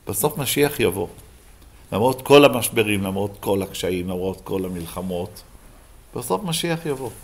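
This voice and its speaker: A man's voice: fairly high pitch, fairly bright tone. A rabbi giving a Bible lesson to a live class, who keeps asking his listeners questions and then answering them himself.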